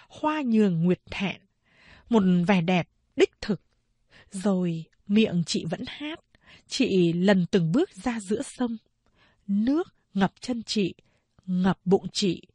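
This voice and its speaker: A woman narrating a novel in a measured, expressive storytelling voice. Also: medium pitch, husky, no room sound. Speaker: audiobook narrator.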